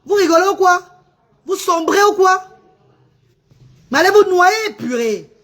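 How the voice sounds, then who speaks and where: Her voice is very high, animated, a little slow and fairly bright. This Cameroonian livestreamer, who runs a charity restaurant, taunts and insults her chat while giving updates on it.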